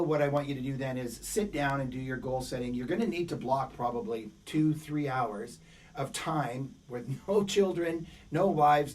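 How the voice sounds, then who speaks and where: Recorded from afar, this middle-aged man coaches business through a webinar, pressing his points emphatically and repeating them to motivate. A cold has worn his voice down a bit, and it comes across at medium pitch with a darkish tone.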